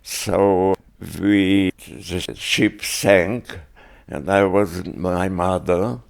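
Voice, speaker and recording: An older man giving oral history testimony, speaking haltingly with many pauses and restarts. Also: sits low, steady tone, creaky. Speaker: interviewee.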